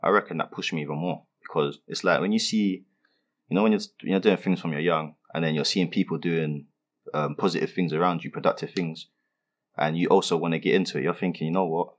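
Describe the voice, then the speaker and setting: Brief: young London rapper, very low voice, quick slangy answers. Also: male voice, steady tone. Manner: laid-back street slang, many fillers. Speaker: rapper being interviewed. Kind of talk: casual interview answers.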